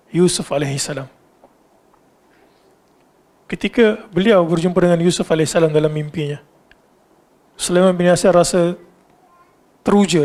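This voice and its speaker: A man with a Malaysian Malay accent giving a religious lecture, telling a story in an animated way and asking his listeners questions as he goes. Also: fairly high pitch.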